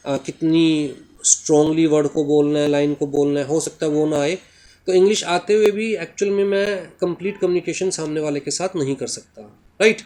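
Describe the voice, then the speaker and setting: A native Hindi speaker with an Indian accent teaches a class in a mix of Hindi and English, his voice fairly high and a little mellow. He keeps asking "right?" and reads English lines slowly.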